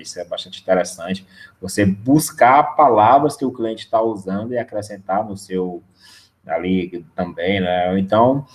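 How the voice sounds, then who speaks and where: A man from Brazil presenting a sales webinar in a conversational way, tagging his points with a questioning "né?". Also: fairly low pitch. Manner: conversational, keeps adding a questioning "né?". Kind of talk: casual webinar lecture.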